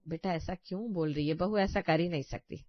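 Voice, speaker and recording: A stern, motherly older mother-in-law, put on by a woman in a cartoon story, her voice pushed noticeably lower than the other women. She scolds and soothes by turns, recorded dry and close with slightly muffled sound. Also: fairly even intonation, a little fast, dry recording, close to an everyday voice. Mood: chiding. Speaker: voice actor. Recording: dry, slightly dull audio.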